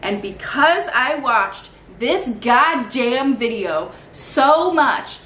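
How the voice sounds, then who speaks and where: A woman's voice: high-pitched, expressive, very slow, a bit bright. A woman in her thirties giving casual, rambling comedic commentary as a host, sardonic and sweary. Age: 30s. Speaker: host reacting to old toy commercials. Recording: roomy echo, faint background noise.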